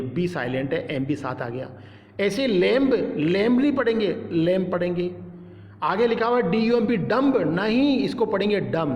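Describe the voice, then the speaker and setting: A male teacher giving a step-by-step lesson, spelling out letters and repeating each word. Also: sits high. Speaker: English teacher. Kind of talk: classroom-style lesson. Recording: echoey room with long reverb.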